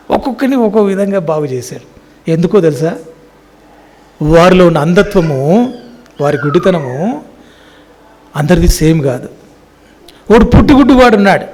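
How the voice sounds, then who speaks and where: A man from India, a pastor, preaching a sermon in a prayer hall. He tells the story in a lively way, acting out the voices of its people, and swings between loud calls and soft asides. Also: high voice.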